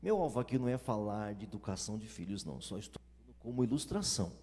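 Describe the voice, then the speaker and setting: A man's voice: lowish voice, sing-song, fast talker, darkish tone, in a large hall. A man with a Brazilian accent, preaching a sermon as a pastor, emphatic and full of rhetorical questions and repetition. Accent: Brazilian Portuguese.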